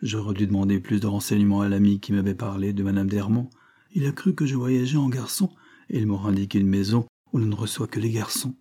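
A man reading aloud, voicing a smooth foreign gentleman who plays a naive count, effusive and ingratiating. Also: fairly low pitch, steady tone, fast talker.

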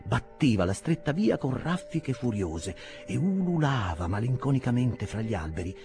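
A man narrates a classic novel with theatrical, dramatic phrasing. His pitch rises and falls a great deal. Soft music stays faintly underneath. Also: sing-song, moderate pace. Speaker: audiobook reader. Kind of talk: expressive literary narration.

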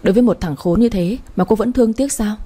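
A woman's voice: mid-range voice, fast talker, mellow, breathy edge, lightly acted. A woman voicing a furious, protective young man in an audio story, speaking bluntly. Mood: cold. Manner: blunt, barking commands.

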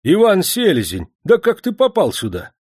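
A man's voice: mid-range voice, expressive, moderate pace, darkish tone, no echo, clean studio sound, close to an everyday voice. A man voicing a stern male factory manager who exclaims and gives orders. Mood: astonished. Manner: exclaiming, commanding.

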